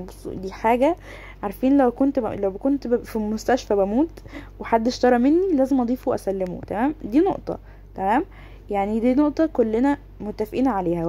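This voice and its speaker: A woman's voice: on the high side, dark tone. A woman with an Egyptian Arabic accent, speaking to her followers in a casual, defensive vlog and often checking that they follow her. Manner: rapid, defensive, keeps asking "okay?". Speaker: gaming content creator.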